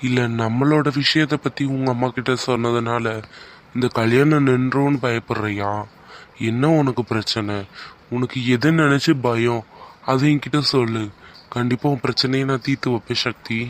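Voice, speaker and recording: A man's voice: medium pitch, fairly even intonation, moderate pace, slight background noise, lightly acted. A man voicing a young man who earnestly pleads with the woman he loves. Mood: pleading. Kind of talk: cartoon voice acting.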